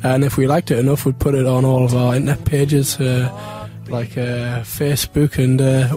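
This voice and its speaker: A man's voice: mid-range voice, level tone, normal speed, over music. A man in a band, chatting casually and matter-of-factly in a radio interview. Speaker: band member being interviewed.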